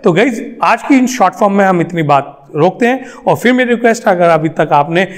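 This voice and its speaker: A young Indian man gives an English lesson aimed at Hindi speakers. His voice sits high, and he walks through each example patiently, repeating the sentences and checking in with "right?" as he goes. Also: expressive, fairly quick. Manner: explains step by step, repeats example sentences, often asks "right?". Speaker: English teacher.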